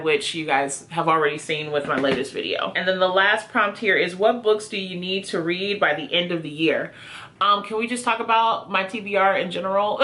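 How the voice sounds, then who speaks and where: Speaking in a fairly low voice with a sharp edge, a woman hosts a book review video. She answers prompts in a relaxed, chatty way to the camera, with a self-deprecating streak.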